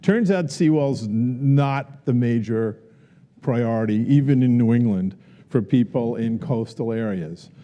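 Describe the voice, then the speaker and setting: Earnest professor, dark voice, long auditorium reverb. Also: male voice, medium pitch, a little slow, muffled recording. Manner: earnest, repeats questions for the audience. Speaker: professor giving a symposium talk. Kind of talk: lecture and audience Q&A. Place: university auditorium.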